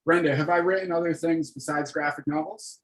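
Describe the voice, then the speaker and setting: A man's voice: fairly high pitch, steady tone, a little fast, low-quality recording. A man in his thirties, a comics artist leading an online library workshop, talking casually and upbeat with many fillers over a video call.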